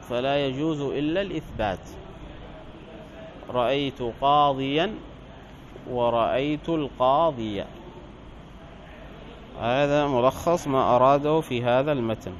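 A man teaching Arabic grammar, explaining a text line by line. He reads the quoted passages louder, slows down on examples and corrects his own slips. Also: medium pitch, rough recording. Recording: faint background noise.

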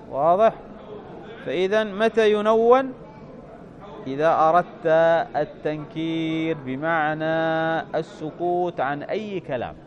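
Man, high voice, grammar teacher, reads text aloud then explains, patient, checks understanding. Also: lo-fi sound.

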